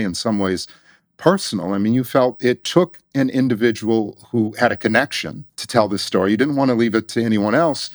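A man's voice: mid-range voice, dry recording, clean studio sound. A man interviewing a guest, conversational, repeating words and checking his facts with short questions. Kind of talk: radio interview.

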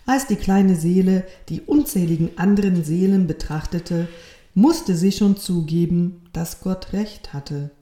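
A woman reading a children's story aloud in a calm, soft, measured way. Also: on the low side. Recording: roomy echo.

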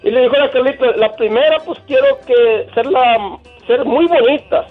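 A caller tells jokes to a radio show. He stumbles and repeats words. His high voice comes through a tinny phone line, with faint music behind it. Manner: halting joke-telling, stumbles and repeats.

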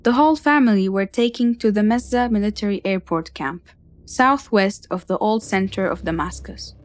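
A woman giving measured, scripted documentary narration as the podcast's narrator. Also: medium pitch. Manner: measured, even storytelling.

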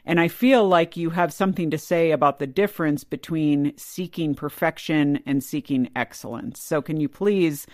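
A man's voice: a little high, normal speed, few pauses, dry recording, clean studio sound. A man hosting a faith podcast, chatting casually with many fillers and murmured agreements. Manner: relaxed, full of fillers and frequent listening murmurs. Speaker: podcast host. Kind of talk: casual interview chat.

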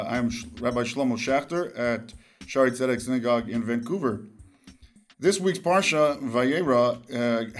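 Rabbi guy giving a little talk, calm, explains. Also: mid-range voice. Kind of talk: short religious talk.

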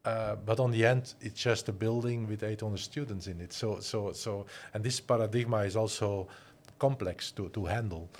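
A man in his forties from Flanders speaks Dutch with a Flemish accent in a relaxed interview about his working life. His voice is lowish and a bit dark, moving at a moderate pace with hardly any pauses, yet hesitant with many restarts and fillers; he's a design school director and musician.

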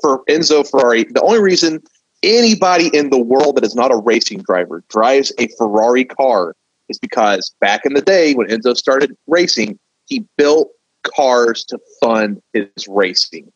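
Brief: a fired-up male podcast co-host, a bit husky, on a slightly dull mic. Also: mid-range voice, expressive, normal speed, no echo. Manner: impassioned, ranting. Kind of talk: casual chat.

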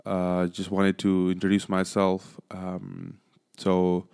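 A man, hosting his own podcast in an earnest, halting way with many fillers. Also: deep voice, monotone, a little mellow, clean tone. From Nepal. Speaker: podcast host. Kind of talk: solo podcast monologue.

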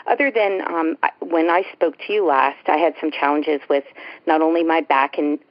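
A woman's voice: deep voice, moderate pace, no room sound. Woman calling into a radio show, dull phone sound, dry, eager and chatty. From Florida. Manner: eager and talkative. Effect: phone-line caller voice on radio. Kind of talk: chatty call-in conversation.

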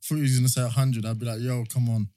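A young man with a London accent, bantering excitably and slangily as a podcast guest. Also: mid-range voice, racing, no echo, studio quality. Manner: excitable, slangy, repeats phrases.

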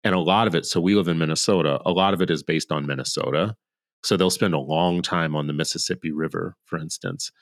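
Male podcast co-host, very low voice, measured and conversational, dry room. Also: fairly even intonation, no echo. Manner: measured, conversational, pushes back. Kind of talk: casual podcast discussion.

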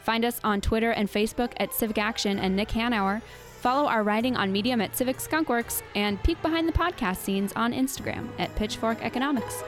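A woman reading podcast credits in a brisk, friendly way. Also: on the high side, faint music behind. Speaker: podcast announcer.

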